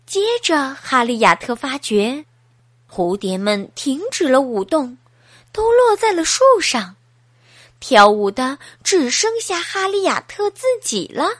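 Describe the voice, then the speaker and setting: Give me a woman storyteller reading to a child, slow and lively in pitch. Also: dry recording, studio quality. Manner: slow, sing-song, animated.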